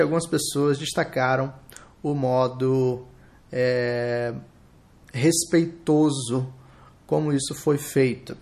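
A man with a Brazilian Portuguese accent hosting a live podcast, thinking aloud in a reflective, halting way. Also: fairly high pitch, creaky, a little mellow. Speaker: podcast host.

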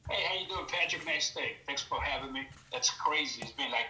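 A middle-aged man from Mexico, a podcast guest telling his story in a relaxed way with loose grammar. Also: medium pitch, brisk, reverberant, rough recording. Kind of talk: casual podcast interview.

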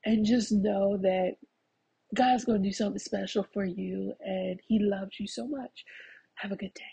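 A woman's voice: mid-range voice, fairly even intonation, normal speed, creaky, mellow, husky, poor audio. Emotional woman praying fervently. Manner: fervent, repetitive prayer cadence; emotional, affectionate. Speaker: podcast host. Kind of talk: closing prayer and heartfelt sign-off.

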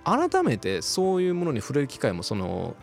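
A man's voice: on the high side, moderate pace, gravelly. A man hosting a radio show, chatting casually and rambling a little as he talks about music. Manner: relaxed, rambling, mixes Kansai speech. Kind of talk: casual chat. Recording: faint music underneath.

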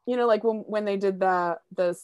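A woman's voice: medium pitch, normal speed, highs cut off, background noise. A woman in her thirties co-hosting a podcast over a video call, chatting casually with lots of fillers and giggles. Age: 30s. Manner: giggly, rambling with many fillers. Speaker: podcast co-host. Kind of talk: casual chat. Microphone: home mic on video call.

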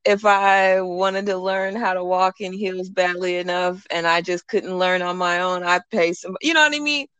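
A woman's voice: on the low side, steady tone, moderate pace, few pauses, a bit bright, clean tone, no room sound. A woman hosting a podcast, talking in an informal, conversational way. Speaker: podcast host. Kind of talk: casual podcast interview.

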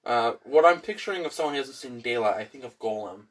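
A man's voice: medium pitch, animated, fast talker, distant mic. A young man in casual chat, joking around and slipping into silly voices and sound effects.

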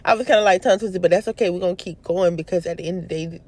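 A woman's voice: fairly low pitch, rapid-fire. Young woman giving a casual devotional talk. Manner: stumbles over words, animated and emphatic. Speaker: prayer video host.

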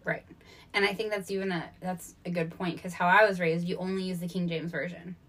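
A woman guest on a podcast, telling personal stories in an animated way and laughing often, in a candid casual chat. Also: fairly low pitch, brisk.

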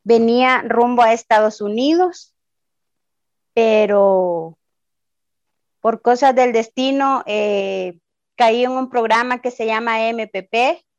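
A woman with a Salvadoran accent tells her own story as a migrant, very slowly and with many pauses. Her voice sits a little high. The recording is dry and a little muffled. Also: no echo. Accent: Salvadoran Spanish. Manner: slow, hesitant, with many fillers. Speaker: interviewee, migrant. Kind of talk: personal testimony. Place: Ciudad Juárez.

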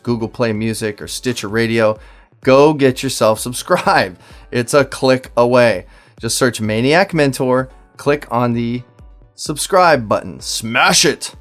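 Upbeat man making a listener appeal. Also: medium pitch. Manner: upbeat, persuasive call to action. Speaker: podcast co-host. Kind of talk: podcast sign-off and listener appeal.

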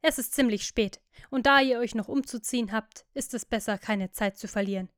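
A woman's voice: on the high side, brisk, fairly bright tone, no room sound, studio quality, lightly acted. A woman voicing an earnest male painter who pleads and insists. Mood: pleading.

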